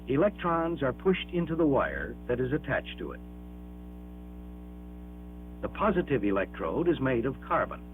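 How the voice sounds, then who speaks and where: A man with a mid-range voice reads a scripted educational film narration in a measured, emphatic, explanatory way. The sound is a dull, band-limited 16mm soundtrack from a 1960s film.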